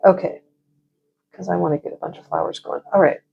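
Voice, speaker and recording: A woman hosting a casual, chatty watercolor tutorial in a rambling, self-deprecating, slightly scattered way, with a slightly husky, creaky voice. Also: fairly low pitch, steady tone, a little fast, highs cut off. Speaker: painting instructor.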